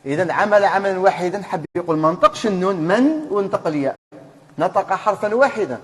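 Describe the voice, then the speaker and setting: A man with an Algerian Arabic accent leads a tajweed class, and his voice sits fairly high for a man. He keeps questioning his students, then spells out the rules himself. The sound carries a long reverb from a mosque hall. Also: animated, fast talker, fairly bright tone. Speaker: Quran recitation teacher.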